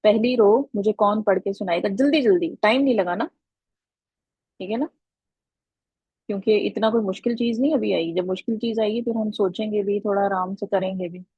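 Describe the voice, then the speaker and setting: A woman's voice: medium pitch, moderate pace, a little mellow, husky, no room sound, poor audio. Woman teaching an online class. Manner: patient, questioning students by name. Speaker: Arabic teacher. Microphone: video call.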